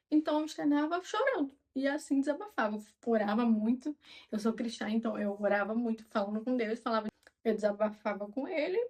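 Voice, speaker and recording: A woman in her twenties with a Brazilian Portuguese accent, chatting calmly and openly to her viewers like a friend. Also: a little high. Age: 20s. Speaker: vlogger. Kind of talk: casual chat to camera.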